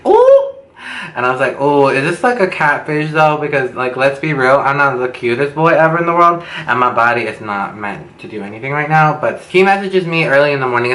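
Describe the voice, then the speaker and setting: A man's voice: medium pitch, sharp tone. A young man in a casual storytime vlog, chatty, campy and dramatic, his speech slightly lisped from wearing retainers. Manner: campy, dramatic, gossipy delivery with drawn-out words. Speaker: beauty vlogger telling a story. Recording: echoey room with faint background noise.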